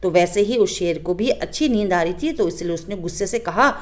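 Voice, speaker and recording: A woman teacher explaining a children's story lesson with animated storytelling, turning often to ask her pupils questions. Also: lowish voice, a little fast.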